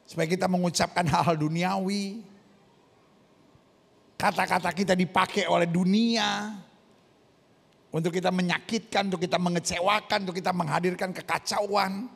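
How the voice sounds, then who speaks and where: A man preaching a sermon, animated, questioning the congregation and acting out voices. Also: high voice, moderate pace, creaky, long pauses, slightly rough, in a large hall. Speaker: pastor.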